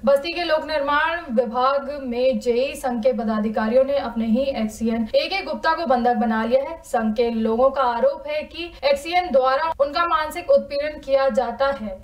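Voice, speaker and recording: A woman news anchor reading a bulletin in a brisk, even, scripted delivery. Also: high voice. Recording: echoey room, distant mic.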